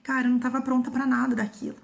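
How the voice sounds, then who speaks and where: Young brazilian woman telling her own story on a vlog, a bit higher voice, some vocal fry, real earnest, repeats herself to drive it home. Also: flat delivery, rapid-fire. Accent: Brazilian Portuguese. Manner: earnest and emotional, repeats phrases for emphasis. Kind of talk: personal testimony vlog.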